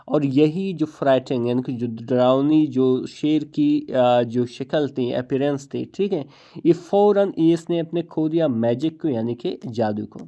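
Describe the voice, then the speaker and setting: A man's voice: mid-range voice, mellow, dull audio. Man translating a story line by line. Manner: explains each English phrase, repeats himself, asks and answers his own questions. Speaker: English teacher.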